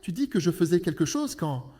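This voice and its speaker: A man voicing a sharp-tongued, irritated wife who scolds indignantly. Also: fairly high pitch, big pitch swings, brisk, voice pushed down.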